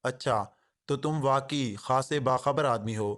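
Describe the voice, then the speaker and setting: A man's voice: mid-range voice, a bit bright, natural voice. A man voicing an arrogant, short male gang boss who talks in a harsh, sarcastic way. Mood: sneering.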